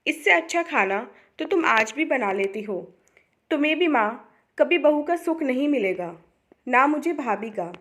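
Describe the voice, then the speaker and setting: A complaining young sister-in-law who nags and grumbles at everyone, voiced by a woman reading the story. She sounds resentful and whiny, with a high pitch. The tone is a family drama told as a read-aloud story. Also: lively intonation, a little slow, a bit bright.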